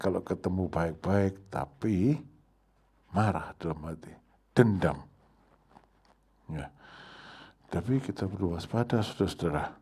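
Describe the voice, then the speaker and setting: Man, pastor, middle-aged, husky low voice, animated delivery, mellow tone. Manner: storytelling, acts out his own anger with sharp rises in pitch and volume. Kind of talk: sermon.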